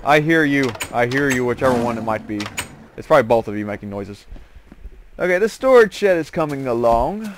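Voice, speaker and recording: Speaking a little fast with medium pitch and plenty of expression, a man hosting a gaming series rambles casually through game commentary and wanders into jokey asides. The recording carries clear background noise with clicks.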